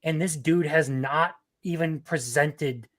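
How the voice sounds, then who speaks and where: A man's voice: fairly high pitch, slow, a bit bright, dry recording, studio quality. A man co-hosting a podcast, commenting critically and with exasperation. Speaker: podcast co-host. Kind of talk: casual reaction chat.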